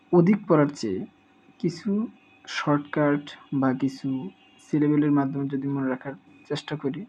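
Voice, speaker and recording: A teacher with a medium-pitched, mellow voice gives a spelling lesson, sounding out each word syllable by syllable and repeating it several times as a drill. The recording is dull and lo-fi.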